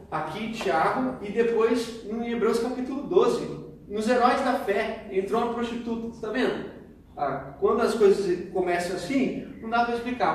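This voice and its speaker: A man with a Brazilian Portuguese accent preaching a lively sermon, retelling the story with acted-out dialogue and laughing as he talks. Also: high-pitched, slight background noise. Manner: animated storytelling, laughs while telling. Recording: echoey hall, voice from far off.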